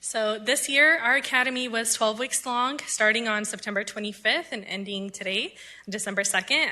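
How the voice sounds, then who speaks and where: A woman city analyst with a bright, clear tone, presenting to the council in a prepared, orderly way. Her delivery is formal and businesslike. It is a staff report in a city chamber. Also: mid-range voice. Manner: prepared and organized.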